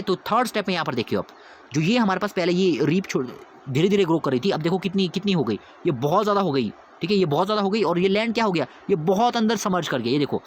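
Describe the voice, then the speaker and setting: Male teacher, fairly high voice, rapid delivery, quizzing and answering himself, faint hiss behind. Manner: explains step by step, constantly asking and answering his own questions; repeats 'theek hai?' to check understanding. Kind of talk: whiteboard lesson.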